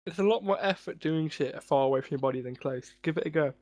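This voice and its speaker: A man's voice: on the high side, quick pace, a little mellow, dry recording. A young man from England co-hosting a casual podcast chat, talking while he eats in a laid-back way. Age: young adult. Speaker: podcast co-host. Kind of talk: casual chat over a call.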